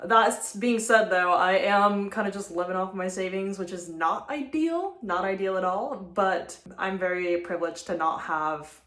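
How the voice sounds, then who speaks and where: A woman host talks in a casual, conversational vlog style. Her medium-pitched voice carries the noticeable echo of the room around her. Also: unhurried, few pauses, fairly bright tone. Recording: echoey room sound.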